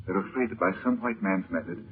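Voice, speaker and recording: Muffled vintage radio recording, male actor as low-pitched heroic magician, calm, protective, measured. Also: faint music behind, lightly acted. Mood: calm, reassuring. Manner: soothing, measured, reassuring. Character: Chandu, composed heroic magician, protective brother. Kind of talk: 1930s radio serial acting.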